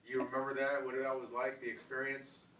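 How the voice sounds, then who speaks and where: A man interviewing casually, asking informal questions with halting follow-ups. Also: mid-range voice, completely flat delivery, fairly bright tone, distant mic. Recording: roomy, off-mic, faint background noise.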